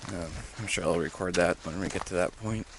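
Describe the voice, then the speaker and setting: Low-voiced young man vlogging on a trail. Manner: halting, many fillers, easygoing. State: out of breath while hiking uphill. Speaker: thru-hiker vlogger. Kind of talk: casual trail vlog. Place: outdoors on a mountain trail. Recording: outdoor clip with clear background noise.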